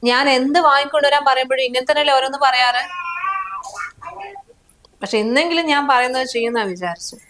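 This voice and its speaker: A woman's voice: high voice, fast, long pauses, fairly bright tone. A woman acting a wife in a short drama, complaining and hurt in tone. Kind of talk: scripted drama dialogue.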